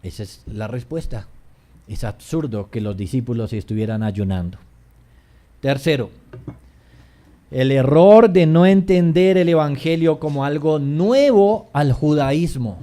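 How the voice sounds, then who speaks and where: A male pastor preaching a sermon, addressing the congregation as brothers, swinging between hushed low passages and raised emphatic lines. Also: measured pace.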